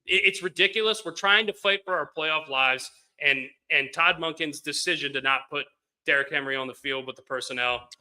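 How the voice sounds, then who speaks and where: A man co-hosting a sports podcast vents at length, swearing, his voice rising sharply in frustration. His tone is very bright and tense, sitting a little high. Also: brisk, rough recording. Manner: exasperated, swearing, pitch jumps high when angry. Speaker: podcast co-host. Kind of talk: casual sports rant.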